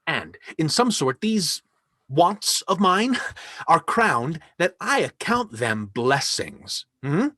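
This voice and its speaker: A proud, lavish nobleman voiced by a man in a live online play reading, his husky voice rising and falling widely as he lingers over each line. The sound is dry and close, as from a home microphone on a video call. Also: on the high side, no echo, heavily acted. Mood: confident. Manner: slow, lively, emphatic verse speaking. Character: lavish generous nobleman facing ruin.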